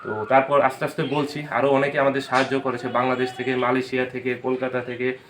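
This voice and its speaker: A man's voice: medium pitch, little pitch movement, fast talker, fairly bright tone, a little hiss or hum. A man from Tripura in India, chatting casually in a vlog and telling stories about the people who helped him. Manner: chatty, storytelling, thanks supporters by name. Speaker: vlogger.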